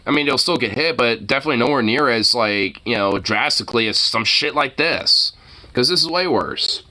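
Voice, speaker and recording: A man giving casual, off-the-cuff streamer commentary, rambling and halting, with plenty of loose swearing. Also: medium pitch, animated, sharp tone.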